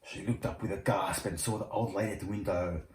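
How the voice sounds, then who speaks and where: A man reads a storybook aloud like a father at bedtime, occasionally stumbling over the words. His low, darkish voice is brisk with fairly even intonation. It's a roomy home recording from an indoor room with faint noise.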